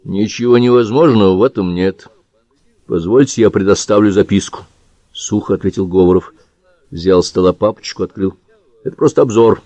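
A male audiobook reader voicing a composed head of an anti-terror agency who reports in a dry, measured way. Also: low-pitched, mellow, dry recording, dull audio. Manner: dry, measured, matter-of-fact. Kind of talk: audiobook character reading.

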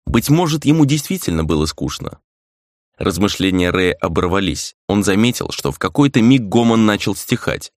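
A man narrating a fantasy audiobook in an even, measured reading. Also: deep voice, no echo, clean studio sound.

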